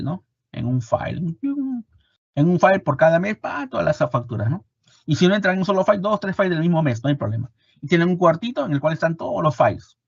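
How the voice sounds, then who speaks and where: A man with a Peruvian Spanish accent teaching an online class, animated and repeating his points with rhetorical questions. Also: on the high side, slightly rough, no echo, highs cut off. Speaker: instructor. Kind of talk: online lecture.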